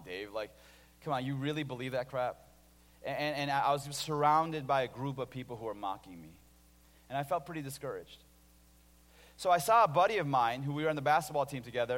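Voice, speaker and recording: A man in his thirties from Illinois preaching a sermon as a pastor, telling stories with lively restarts and swings between loud and hushed delivery. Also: medium pitch. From Illinois, USA. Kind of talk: sermon with personal story. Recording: long hall reverb.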